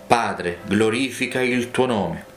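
A man reading the words of Jesus as a calm, earnest adult male teacher. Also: lowish voice, slow pace. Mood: solemn. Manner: solemn, earnest. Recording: roomy, with faint music.

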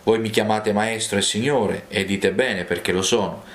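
Jesus, a calm, solemn teacher read by a man. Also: on the low side, normal speed, lightly acted. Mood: gentle. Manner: solemn, earnest. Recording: roomy, with faint music.

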